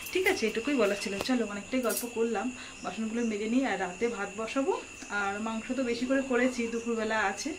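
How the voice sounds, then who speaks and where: A woman in her thirties talks quietly to her vlog viewers from her home kitchen. Her voice sits a little high and stays low in volume, and crickets chirp clearly in the background. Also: noisy background. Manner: hushed, keeps her voice low. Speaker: family vlogger. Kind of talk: casual home vlog chat.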